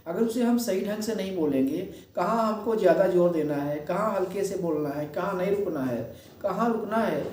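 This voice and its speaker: A man's voice: high voice, a little mellow. Man teaching English in an echoey room. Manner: explains step by step, mixing Hindi with English phrases; slows down and stresses English definitions. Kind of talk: video lecture. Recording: echoey, voice from a distance.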